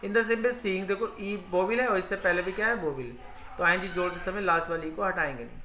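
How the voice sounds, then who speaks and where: A man's voice: high voice, a little fast, sharp tone, a little hiss or hum. A male teacher who explains spelling rules. He repeats each rule in Hindi and asks questions that he then answers himself. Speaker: English teacher. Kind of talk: spoken grammar lesson. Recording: echoey room.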